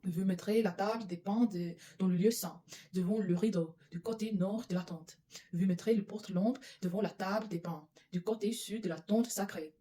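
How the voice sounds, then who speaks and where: A woman's voice: medium pitch, moderate pace, mellow. A woman whose first language is English, reading scripture aloud in French with an English-speaking accent, often stumbling and correcting herself. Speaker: Bible reader.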